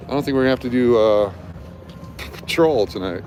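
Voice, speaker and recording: His voice medium-pitched with a darkish tone, a livestream guide talks a little fast while walking city streets at night. Traffic noise surrounds the outdoor recording as he casually explains things.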